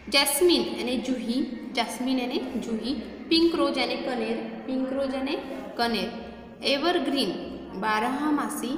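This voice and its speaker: A woman with an Indian accent teaching young children, repeating each word slowly and clearly. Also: high-pitched. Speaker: schoolteacher. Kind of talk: classroom lesson for young children. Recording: echoey room with faint background noise.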